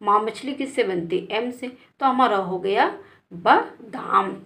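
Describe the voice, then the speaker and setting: A woman's voice: mid-range voice, normal speed, a bit bright. A woman from India teaching a beginner spelling lesson, spelling words out letter by letter and calling her learners "beta".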